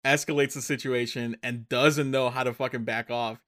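A man's voice: mid-range voice, fairly even intonation, fairly bright tone. Rambling man recapping a movie. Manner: rambling, self-correcting, quick to laugh. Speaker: podcast co-host. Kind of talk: casual movie review chat.

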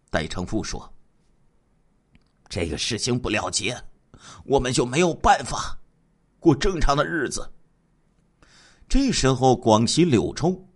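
A man narrating a true-crime radio program as a dramatic storyteller, with animated delivery and drawn-out sentence-end particles. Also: on the low side.

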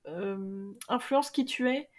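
A woman's voice: medium pitch, takes it slowly, darkish tone. A woman guest on a podcast in casual chat, thoughtful and hesitant with many fillers. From Brittany.

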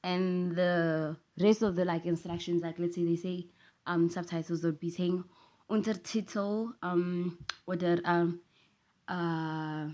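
A young woman hosts her vlog from home, talking in a loose, rambling way full of playful, sassy asides. Her voice sits a little low and sounds soft and mellow rather than bright. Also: fairly even intonation, takes it slowly. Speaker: vlogger. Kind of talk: casual rambling chat.

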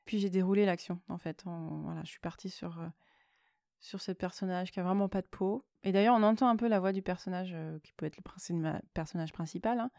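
Soft-spoken woman reading her own stories. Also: on the low side, brisk, creaky, no room sound, studio quality. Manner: conversational, hesitant asides with fillers. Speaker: podcast host and author. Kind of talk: reading her own creative writing with commentary.

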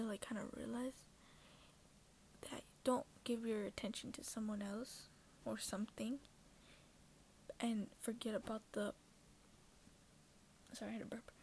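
A woman's voice: a little high, mellow, slight background noise. A woman hosting her own podcast, rambling and self-conscious, often dropping into a half-whisper. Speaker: podcast host. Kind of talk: casual solo talk.

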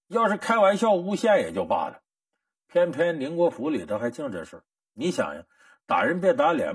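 Man, storytelling lecture, folksy, very animated pitch, husky voice, dry sound a bit far from the mic. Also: dry recording. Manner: folksy, animated, rhetorical questions. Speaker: storyteller teacher.

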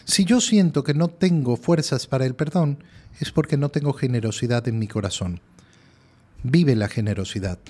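A man's voice: mid-range voice, moderate pace, a little mellow. A middle-aged male priest giving an earnest, emphatic sermon, often repeating his key phrases. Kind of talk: lectio divina sermon.

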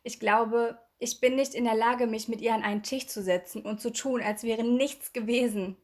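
A woman's voice: fairly high pitch, fairly even intonation, normal speed, natural voice. A woman reading aloud and voicing an anxious, emotional teenage girl in a storybook, her voice slightly raised and tense. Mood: hesitant.

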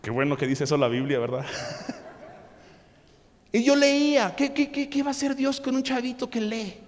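A man's voice: very high voice, lively intonation, normal speed, slight background noise. A man preaching a sermon, telling stories animatedly and often stammering as he restarts his sentences. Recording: long hall reverb.

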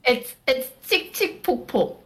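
A woman's voice: sits high, big pitch swings, slow, pushed and bright, slight background noise. A woman hosting a casual chat and teaching Korean sounds, laughing often and teasing.

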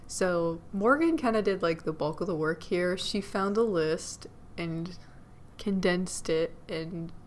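A young adult woman co-hosting a podcast, relaxed and quick to laugh. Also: fairly low pitch, a little hiss or hum. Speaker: podcast co-host. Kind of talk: casual chat.

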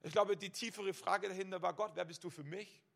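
A man's voice: sits high, fairly even intonation, fairly quick, vocal fry, fairly bright tone. A man preaching a sermon, speaking straight to the listener and piling up rhetorical "what if" questions, often repeating a word as he starts a phrase. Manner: direct address to the listener.

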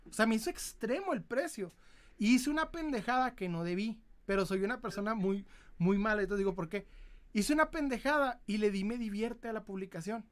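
A man's voice: sits high, brisk. A man with a Mexican accent hosting a collectibles livestream, telling rambling, profane anecdotes in casual chat. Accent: Mexican Spanish.

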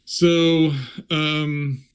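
A man's voice: fairly high pitch, little pitch movement, extremely slow, smooth. A man playing in a tabletop game, hesitant and thinking aloud about his moves. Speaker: player. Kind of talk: casual tabletop game play.

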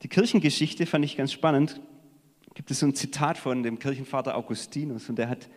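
A man preaching a sermon in a conversational way, swinging between emphatic stresses and hushed asides. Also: mid-range voice, brisk. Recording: long hall reverb.

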